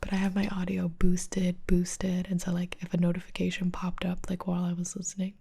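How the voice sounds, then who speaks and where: Brief: female ASMR reactor, soft whisper with a gravelly fry, flat even delivery, casual rambling. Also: fairly low pitch, brisk. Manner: soft whisper, chatty, many "like" fillers.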